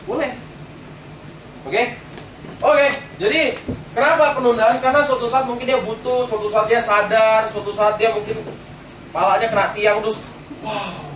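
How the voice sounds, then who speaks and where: A man's voice: high-pitched, fairly even intonation, moderate pace, pauses often. A man giving a motivational business seminar talk in a casual way, often asking the audience rhetorical questions. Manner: colloquial, keeps quizzing the audience with rhetorical questions. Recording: roomy hall, distant mic, background noise.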